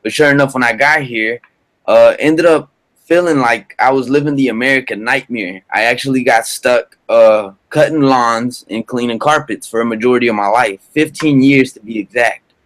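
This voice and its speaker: A man's voice: medium pitch, normal speed, fairly bright tone. A man in his thirties, originally from Colombia, giving a casual sales presentation over a video call in a loose, filler-heavy way. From Bogota, Colombia. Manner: loose, filler-heavy, repeats "all right, perfect". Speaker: business presenter.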